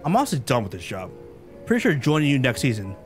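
A man streaming a game live, chatting excitably with viewers and laughing often. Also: medium pitch, fast talker, soft background music.

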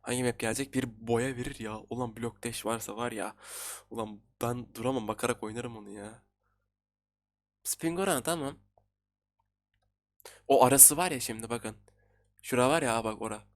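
A man in his twenties giving excitable, casual commentary while playing a game, talking to his viewers. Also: medium pitch, normal speed, long pauses, no room sound. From Turkey. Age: 20s. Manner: excitable, talks to viewers while playing, frequent laughs and repeated words. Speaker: gaming YouTuber.

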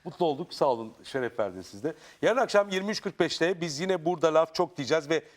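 A man hosting a talk show, briskly announcing the next night's guests and signing off. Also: on the high side, lively intonation.

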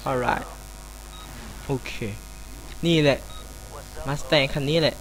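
Excitable young man swearing over racing game. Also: medium pitch, very slow, gravelly, soft background music, poor audio. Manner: swearing, excitable outbursts, mock prayers. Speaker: gameplay commentator. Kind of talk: casual let's-play commentary.

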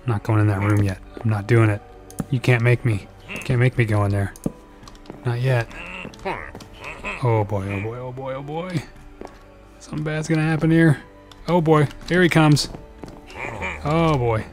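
A man's voice: medium pitch, moderate pace, pauses often. Guy talking through his game run, nervous little "oh boy" mutters, mid voice, game music going behind him. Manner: nervous, self-talking, frequent "oh boy", jumps to excited yelps. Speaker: let's play gamer. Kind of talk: gameplay commentary.

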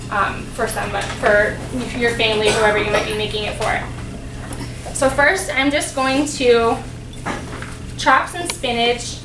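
A young woman with a slightly high voice talks through a recipe step by step, friendly and full of ums. She is heard from a distance in a large, echoing demonstration kitchen with a steady hum of noise behind her. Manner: friendly, explanatory, many ums and uhs. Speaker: dietetic intern doing a cooking demo. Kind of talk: cooking demonstration. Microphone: distant camera mic. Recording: roomy kitchen sound from afar, background noise.

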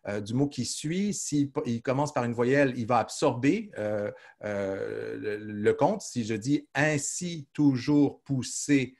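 A man's voice: mid-range voice, animated, a little slow, creaky, a little mellow. A man teaching a literature class, answering students' questions with frequent hesitations and restarts. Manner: hesitant, many "euh" fillers and restarts. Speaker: literature professor.

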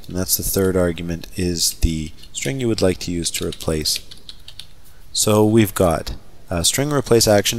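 Guy with a lowish voice doing a coding screencast, laid back, lots of uh and um, keyboard clacking. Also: slight background noise. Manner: relaxed, conversational, thinking aloud with fillers. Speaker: software trainer. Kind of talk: screen-recorded coding tutorial.

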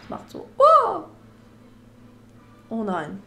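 Gravelly-voiced woman doing game commentary. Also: medium pitch, lively intonation, takes it slowly. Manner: chatty, quiet asides, mock-dramatic dismay. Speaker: gaming video host. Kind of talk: casual let's-play commentary.

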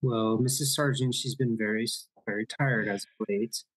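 A man voicing a nervous female nanny with an Irish accent, speaking in halting, hesitant replies. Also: on the low side, steady tone, husky, no room sound, low-quality recording. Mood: worried.

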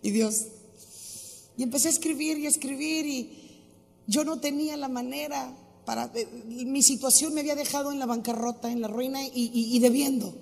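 A woman tells her testimony from a church stage. Her voice has a gravelly edge, and she moves from quiet, intimate lines to loud calls to the congregation. Long reverb from the auditorium trails behind every phrase. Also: high voice, normal speed. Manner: lively storytelling, swings between soft and loud. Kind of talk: preaching testimony. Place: large church auditorium, live event. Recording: live hall with long reverb.

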